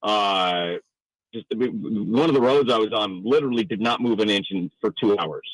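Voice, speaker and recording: A sports announcer from the Northeastern United States appears as a radio interview guest, talking in a conversational, wordy way. His voice is lowish and moves at a moderate pace, captured in a dry, low-quality recording.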